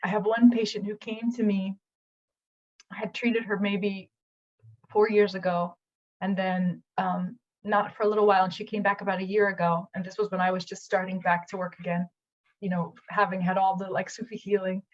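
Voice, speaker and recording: A woman's voice: medium pitch, little pitch movement, normal speed. A woman acupuncturist and healer giving a chatty personal testimonial, telling a story animatedly with plenty of fillers. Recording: dull lo-fi recording.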